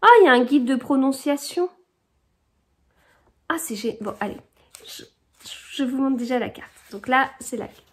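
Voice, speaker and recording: Woman, book vlogger, casual chat, fairly high voice, halting with fillers. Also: slight background noise. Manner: hesitant, many fillers and restarts, reads aloud.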